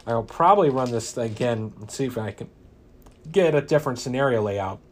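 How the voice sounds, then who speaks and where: A man with an expressive, mid-range voice plays cards solo. He performs the flavor text with drama, while his casual commentary on his play comes out halting and filled with fillers.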